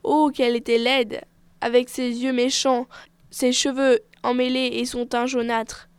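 A woman tells a fairy tale with expressive, measured pacing. Her voice sits high and bright in pitch, and the recording is dry and close with no room sound. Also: smooth, no echo. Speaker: storyteller.

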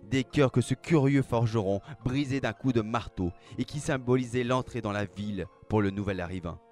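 A man narrating a dark fantasy story aloud, with a measured, dramatic reading. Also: mid-range voice. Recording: faint background music.

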